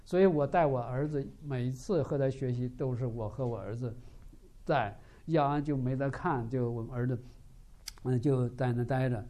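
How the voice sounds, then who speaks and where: A man's voice: medium pitch, normal speed. A man preaching a sermon, telling a story and often asking rhetorical questions. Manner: animated, frequent rhetorical questions.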